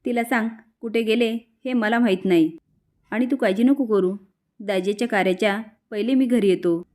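A woman's voice: a little high, moderate pace, a little mellow, natural voice. A woman voicing a guarded father giving his son terse instructions before leaving, in a spoken soap-story retelling.

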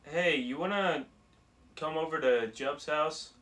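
A man's voice: fairly high pitch, slow, noisy background. A young man in a comedy sketch, blunt and exasperated, with short lines. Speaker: friend at an intervention.

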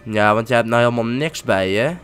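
A man giving casual commentary while playing a game, excitable and often swearing or exclaiming. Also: mid-range voice, brisk, faint music behind. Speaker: let's-play gamer.

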